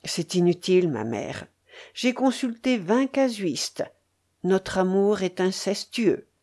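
A woman's voice: mid-range voice, lively intonation, slow, a little mellow. A woman reading aloud, voicing a grave, sorrowful young man who speaks in a solemn, pleading way.

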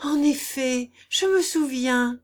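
A woman's voice: high voice, slow pace, pitched above the performer's own voice. A woman voicing a coy noblewoman who talks in breathless, emphatic questions. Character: coy, flustered noblewoman feigning innocence.

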